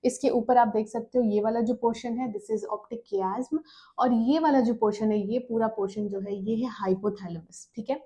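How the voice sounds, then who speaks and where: Woman teaching, mellow voice. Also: a little high, steady tone. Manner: explains step by step, asking questions and answering them herself; reads English lines slowly and mixes English terms into her talk. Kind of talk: lecture explaining diagrams.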